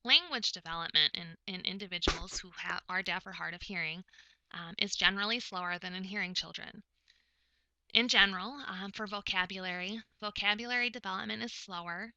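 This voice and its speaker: A woman giving a recorded lecture, explaining topics step by step in a measured way with frequent pauses. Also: medium pitch, bright, forceful tone, no room sound, poor audio. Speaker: presenter explaining speech of the hard of hearing.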